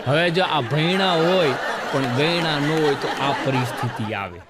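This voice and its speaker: A man's voice: a little high, a little slow, in a large hall, a loud crowd, heavy background noise. A man with a Gujarati accent telling jokes on stage, acting out the voices in his stories. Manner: animated storyteller, acts out quoted voices. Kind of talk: stand-up joke telling.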